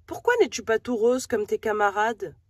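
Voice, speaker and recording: A woman's voice: a little high, moderate pace, no room sound, clean studio sound, natural voice. A woman voicing a curious, naive young male hedgehog in a storybook, as if reading to a toddler.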